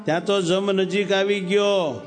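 A man preaching through a story, animated and dramatic, with sharp shifts in pitch and pace. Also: unhurried, faint music behind. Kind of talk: sermon storytelling.

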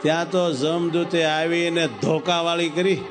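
A man preaching through a story, animated and dramatic, with sharp shifts in pitch and pace. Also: unhurried. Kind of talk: sermon storytelling.

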